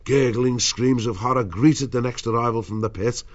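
A man's voice: mid-range voice, fairly even intonation, normal speed, muffled recording. A man narrating an adventure audiobook in a dramatic scripted storytelling style.

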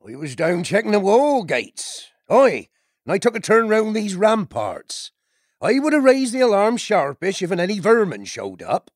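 A gruff but kindly otter chieftain, as a male narrator voices him, speaking plainly and homely in a rough country style. The voice sits a little high and moves a lot in pitch. It is recorded dry and close. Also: sing-song, normal speed, no room sound. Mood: steady. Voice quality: folksy and homely, dropping his g's.

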